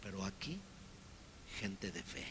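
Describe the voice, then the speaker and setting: A man preaching a sermon as pastor, lively and acting out the people he quotes. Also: sits low, slow pace, slight background noise.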